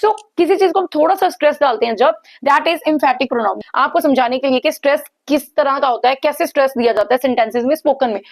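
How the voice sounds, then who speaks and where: A woman teaching English grammar, explaining in Hindi with filler pauses and reading English examples slowly. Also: high voice, no room sound. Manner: frequent hesitation fillers.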